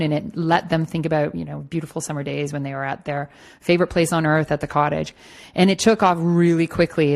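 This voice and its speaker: Woman, low voice, gravelly, middle-aged, from Toronto, chatty interview guest, casual restarts. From Toronto, Canada. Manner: conversational with frequent fillers and restarts. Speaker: magazine editor-in-chief, guest. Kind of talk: relaxed interview answers.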